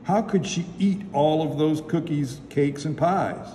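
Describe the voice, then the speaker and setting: A man reading aloud and voicing a brisk, commanding male police officer, in an echoey hall. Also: a little high, warm tone, lightly acted. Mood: urgent. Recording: echoey hall, faint noise.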